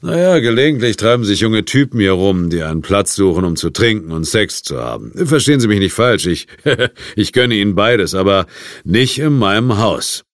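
A man's voice: fairly low pitch, very animated, normal speed, dry recording, studio quality, pitched above the performer's own voice. A man voicing a nervous, scruffy middle-aged drifter who hesitates and stammers with fillers, in an audiobook. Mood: casual. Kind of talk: audiobook character voice.

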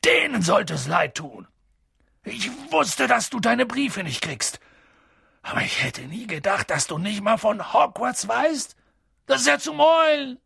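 A narrator voicing a hot-tempered giant male groundskeeper in an audiobook, gruff and booming in his outbursts. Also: big pitch swings, unhurried, fairly bright tone, no echo, studio quality, full character voice. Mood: outraged. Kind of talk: audiobook reading.

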